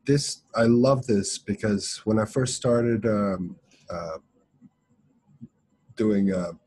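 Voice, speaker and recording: A man speaking as a guest on a webinar video call, talking casually in a halting way with lots of "uh"s and restarts. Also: fairly low pitch, a little mellow, breathy edge. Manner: halting, many "uh" fillers and restarts. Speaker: guest freelance copywriter.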